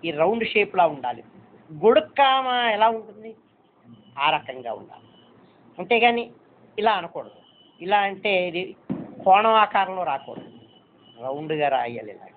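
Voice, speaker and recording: A man's voice: sits high, slight background noise. Man teaching, tinny phone-like sound. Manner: patient, repeats points and checks understanding. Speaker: shorthand teacher. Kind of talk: step-by-step classroom instruction.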